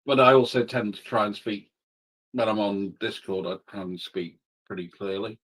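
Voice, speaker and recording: A man's voice: on the low side, moderate pace, a bit bright, rough recording. Joking British man with a mixed accent. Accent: mixed British, Scottish, Northern and Southern English. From United Kingdom. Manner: joking storyteller, swears freely. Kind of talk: casual chat.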